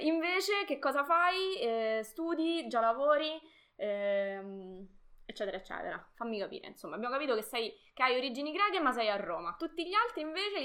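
A young woman with a bright, forceful voice pitched a little high hosts a live stream in a casual, chatty way. She greets viewers, reads their comments aloud and laughs easily as she talks.

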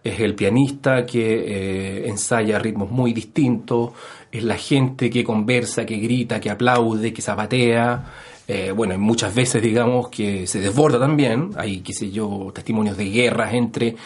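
A man's voice: on the low side, fairly even intonation, unhurried, slightly rough. A man with a Chilean accent, a historian guest on a radio interview, explaining at length with many fillers and tag questions. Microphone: studio microphone.

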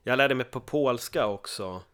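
Lively Swedish man telling stories. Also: mid-range voice, clean tone. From Sweden. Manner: lively storyteller who acts out voices. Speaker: podcast guest. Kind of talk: casual podcast chat.

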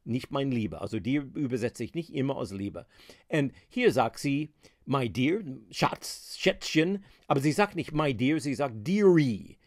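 A man's voice: mid-range voice, lively intonation, normal speed, no echo, clean studio sound. A man hosting a podcast language lesson, explaining words patiently with many hesitant fillers. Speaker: podcast host teaching English. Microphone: podcast microphone.

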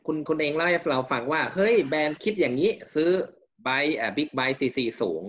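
A man's voice: fairly high pitch, moderate pace, a bit bright. Male talk-show host with a casual, probing manner, on a dull lo-fi recording. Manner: probing, casual, repeats words. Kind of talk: interview questions.

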